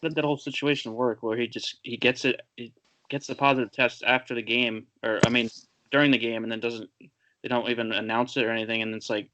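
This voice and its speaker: A man chatting casually as a podcast guest, relaxed and hesitant, often trailing off mid-thought. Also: medium pitch, fast, background noise. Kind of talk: casual chat.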